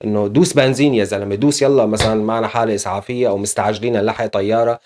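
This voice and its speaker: A man's voice: lowish voice, fairly even intonation, rapid-fire, music in the background. A man teaching German in a casual video lesson, explaining step by step with frequent fillers.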